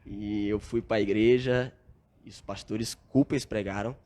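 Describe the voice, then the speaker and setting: In a casual interview, a young adult Brazilian man recounts his story as a podcast guest, sounding earnest and reflective and using filler tags a lot. His delivery is a little slow and steady, with a low-leaning, slightly mellow voice.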